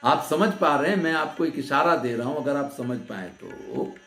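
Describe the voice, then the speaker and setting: A man's voice: a little high, animated, normal speed. A man teaching Sanskrit grammar in a lecture, patiently explaining and asking questions of his listeners before answering them. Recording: roomy echo with soft sitar music.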